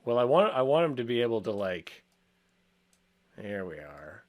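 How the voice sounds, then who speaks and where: A man co-hosting a casual design show, thinking aloud as he works, with frequent ums and soft chuckles. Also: medium pitch, big pitch swings, moderate pace. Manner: rambling, chuckles often, many ums. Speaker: co-host working in software.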